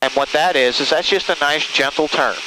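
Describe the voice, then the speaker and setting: A flight instructor gives a hands-on lesson inside a small airplane in flight, coaching step by step over an aviation headset and reassuring the student. He often checks understanding with short tag questions. His voice is a little high and brisk, and the cockpit is noisy with engine drone and radio.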